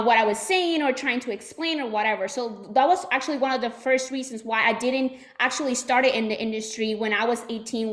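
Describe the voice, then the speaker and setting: A twentysomething woman from Puerto Rico, who owns an insurance agency, gives her team a chatty motivational training talk full of fillers and restarts. Her Puerto Rican-accented voice is fairly high and a bit bright.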